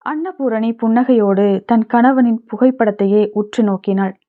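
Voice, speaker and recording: A woman's voice: a little high, moderate pace. A woman narrating a family short story as an audiobook, reading steadily and expressively. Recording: tinny phone-like sound.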